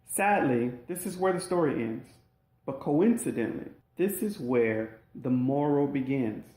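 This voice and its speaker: A man's voice: mid-range voice, expressive, a little slow, darkish tone. A man narrating his own audiobook in an emphatic, dramatic storytelling manner. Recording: roomy echoey recording.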